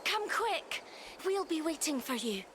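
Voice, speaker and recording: A loyal monster servant delivers an urgent summons in a high, measured voice, played by a woman. Clear hiss runs under the recording. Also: sing-song, a bit bright, heavily acted. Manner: urgent, formal address.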